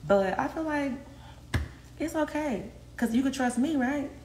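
Speaking a little slowly in a high, somewhat mellow voice with lively intonation, a young livestream host chats openly with viewers from her home kitchen. She laughs a lot and swears freely. Her phone sits at arm's length, picking up kitchen echo and faint noise.

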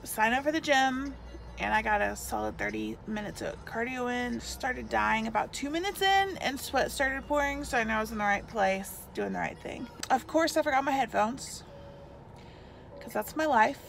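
Tired young woman vlogger filming herself in a car, bright gravelly voice, joking at her own expense. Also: fairly high pitch, big pitch swings, normal speed, slight background noise. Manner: chatty, self-mocking, laughs a lot. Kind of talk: casual vlog chat. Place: parked car. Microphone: phone held at arm's length.

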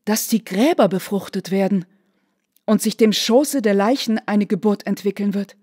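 A woman's voice: medium pitch, moderate pace, darkish tone, breathy edge, natural voice. A woman voicing a distraught, pleading young widowed noblewoman in a literary reading. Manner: earnest, pleading, solemn.

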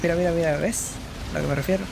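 A gamer giving casual let's play commentary, excitable and swearing often, with sudden short outbursts. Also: mid-range voice, rapid-fire, creaky, heavy background noise. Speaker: gameplay commentator.

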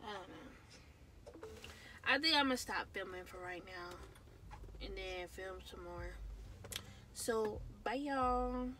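A woman's voice: mid-range voice, slow, long pauses, sharp tone, slight background noise, rough recording. A young woman chatting casually to her viewers from a parked car, often trailing off with "so, yeah" and sinking into a mumble. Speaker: vlogger. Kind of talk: casual vlog chat. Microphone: phone camera held close.

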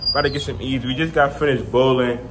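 A young man talking casually to his phone camera in a selfie vlog, relaxed and slangy with lots of fillers, at an indoor trampoline park. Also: medium pitch, quick pace, background noise. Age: young adult. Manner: laid-back slangy chatter with many fillers. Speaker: vlogger. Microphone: phone camera at arm's length.

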